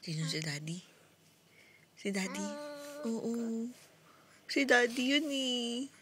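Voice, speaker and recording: High, lively young mother doing baby talk. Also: slow pace, a crowd in the background. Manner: playful, teasing, sing-song baby talk. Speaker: mother talking to her baby. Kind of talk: home video baby talk.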